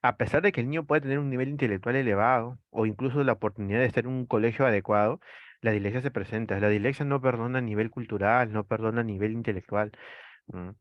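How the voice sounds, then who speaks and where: A man's voice: mid-range voice, no echo, dull audio. Peruvian man lecturing a class. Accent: Peruvian Spanish. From Peru. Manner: explanatory, asks rhetorical questions and answers them; frequent tag "¿no?".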